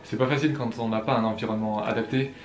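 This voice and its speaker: A young man from France speaks quickly in a medium-pitched, steady voice as he answers viewer questions in French and Chinese. The vlog is casual and playful, full of self-deprecating jokes and laughter, set in an echoey room with soft music playing.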